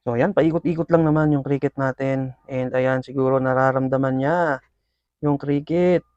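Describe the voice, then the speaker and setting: A man's voice: medium pitch, moderate pace, clean tone, no echo. Guy hyping up his scorpions, chatty, lots of fillers, dull dry mic. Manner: excited play-by-play with frequent fillers, addressing viewers. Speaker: pet scorpion keeper and video host. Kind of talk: casual commentary while feeding pets.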